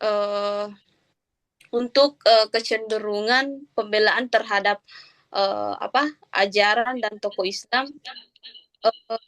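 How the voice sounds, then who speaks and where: A woman's voice: medium pitch, fairly even intonation, slow, pauses often, a bit bright, no room sound, poor audio. A woman student answering her lecturer's question hesitantly, with many fillers, her voice coming through choppy, breaking-up call audio.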